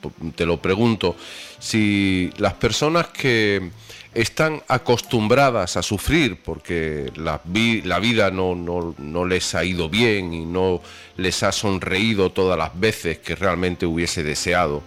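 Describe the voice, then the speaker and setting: A man's voice: sits low, slow pace, fairly bright tone. A man hosting a radio interview, putting a long, thoughtful question and searching for his words. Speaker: radio host.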